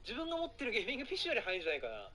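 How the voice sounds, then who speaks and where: A man chatting casually on a live stream, excitable and rambling, often apologizing for being too loud. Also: sits high, very fast. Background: background music.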